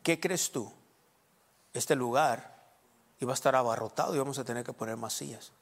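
A male pastor delivers a sermon at a mid-range pitch. He keeps firing rhetorical questions at the congregation and answering them himself. The sound carries a long reverb from the hall around him. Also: moderate pace.

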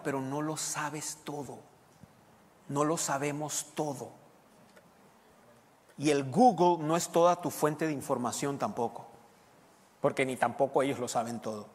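A man preaching as pastor, animated and emphatic, dropping from loud points to quiet asides and slipping English words into his speech. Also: a little high, unhurried, husky, long reverb tail. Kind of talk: sermon.

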